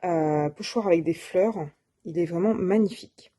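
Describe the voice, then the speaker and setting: A woman's voice: on the low side, normal speed, mellow. A woman presenting her shopping haul of craft supplies in a casual, hesitant way, with many fillers and self-corrections. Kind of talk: casual show-and-tell.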